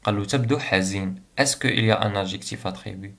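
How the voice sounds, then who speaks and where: A young man with an Algerian accent teaching a French grammar lesson, saying examples slowly and then translating them quickly into Arabic. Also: fairly low pitch, creaky, a bit bright.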